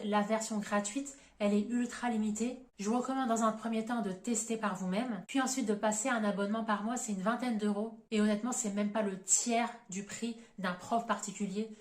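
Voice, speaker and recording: A woman giving a video lesson as an exam coach, methodically counting off advantages and drawbacks one by one. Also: fairly high pitch. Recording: echoey room.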